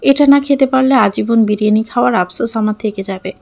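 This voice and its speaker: A young woman narrating a first-person audio story in a lively way, acting out her own scenes. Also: on the high side, brisk, gravelly.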